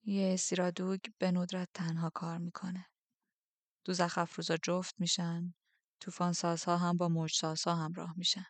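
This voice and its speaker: Woman doing quiet commanding man, low voice, soft and measured, dry close sound. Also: completely flat delivery, dry recording, lightly acted. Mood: calm. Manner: hushed, low and measured, at times near a whisper.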